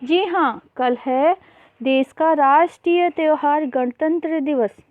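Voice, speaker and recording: Tinny, high-voiced woman teaching children. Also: takes it slowly, dry recording. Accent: Hindi, mixing English terms. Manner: addresses children as beta, explains patiently with repeated examples. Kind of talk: worksheet lesson for young children. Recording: tinny phone-like voice-over.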